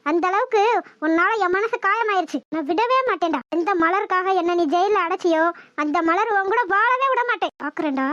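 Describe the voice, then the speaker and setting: [name], an actor doing a high bitter young woman. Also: brisk, bright, forceful tone, no echo, muffled recording. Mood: bitter vengeful. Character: jealous young woman, bitter, vengeful, just out of jail.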